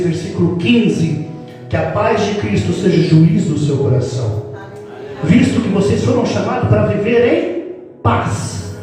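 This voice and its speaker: A man preaching a playful church sermon, teasing the congregation as he talks. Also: high-pitched. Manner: playful, teasing the congregation, acts out family scenes. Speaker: pastor. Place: church hall. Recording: roomy hall reverb from a distant mic, music behind.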